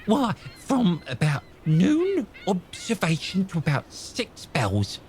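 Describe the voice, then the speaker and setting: A man's voice: high-pitched, wildly swooping pitch, slow, a little hiss or hum, full character voice. An actor playing a half-crazed old male castaway who stammers, rambles and repeats himself. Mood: wheedling. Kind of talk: radio drama acting.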